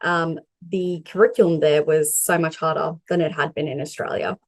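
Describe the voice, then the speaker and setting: Her voice sitting low and her tone steady, a young Sri Lankan mental health advocate reads a prepared talk at a moderate pace. She joins through a video call, and there is no echo.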